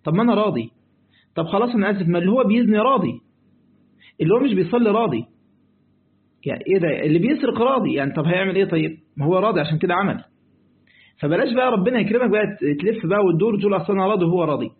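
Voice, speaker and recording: Quick high-voiced Egyptian sheikh, tinny. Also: male voice. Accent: Egyptian Arabic. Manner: lively, acts out dialogues, switches between reading text and colloquial asides. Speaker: sheikh teaching Quranic exegesis. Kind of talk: colloquial lesson explaining a classical text. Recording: tinny phone-like audio.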